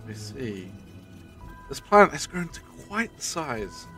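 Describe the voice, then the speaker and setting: A man playing a confident, sly, eccentric time traveller in an audio drama, speaking theatrically and deliberately with old-fashioned turns of phrase. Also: medium pitch, very animated, a bit bright, faint music behind. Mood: intrigued.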